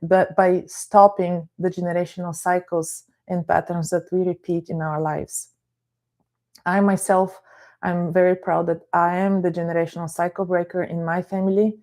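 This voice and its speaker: During a live stream, a Bulgarian therapist and life coach in middle age calmly explains her topic and welcomes viewers by name. Her voice sits on the low side.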